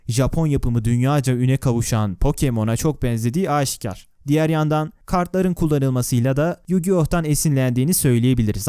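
Recorded close and dry on a voice-over mic, a man with a medium-pitched, dark, smooth voice narrates a video. His delivery is scripted but chatty, sprinkled with sarcastic, wry remarks and questions aimed at the viewer.

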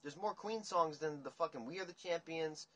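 A young man hosting a casual livestream chat, ranting in a rambling, profane, animated way. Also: a little high, moderate pace. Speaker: livestream host. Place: dim room indoors. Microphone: phone camera at table.

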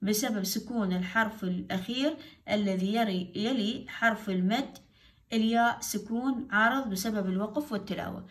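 A woman's voice: mid-range voice, moderate pace. A woman teacher explaining a religious studies exercise step by step, repeating each answer. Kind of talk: lesson on Quran recitation rules.

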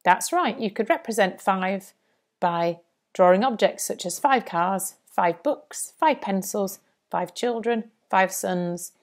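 A woman's voice: mid-range voice, slow pace. A woman presenting a scripted lesson for young children as a primary teacher, in a singsong manner. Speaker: primary school maths teacher.

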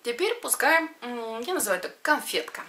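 A middle-aged woman teaching exercises to camera, giving short step-by-step instructions with pauses between them. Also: a little high, very animated, sharp tone, a little hiss or hum. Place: indoors, in front of a padded wall.

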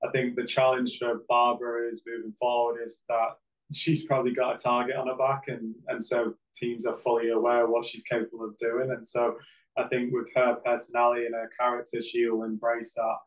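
A man, a football coach answering press questions after a game on a video call, measured and full of fillers. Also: medium pitch, rough recording. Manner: measured, flat delivery with many fillers. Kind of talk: post-game press conference. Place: press backdrop, indoors.

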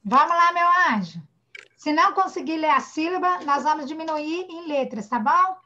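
Bright-voiced Brazilian teacher on a video call. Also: female voice, high voice, lively intonation. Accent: Brazilian Portuguese. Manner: patient, sounds out syllables slowly, calls children "amor". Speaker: primary school teacher. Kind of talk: online class for young children. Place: home, online video class. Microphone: computer or phone mic on a video call. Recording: dull lo-fi video-call audio.

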